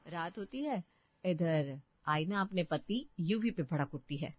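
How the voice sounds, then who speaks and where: A woman's voice: on the low side, animated, measured pace, no echo. Woman narrating a family drama. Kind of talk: storytelling narration. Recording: dull dry lo-fi sound.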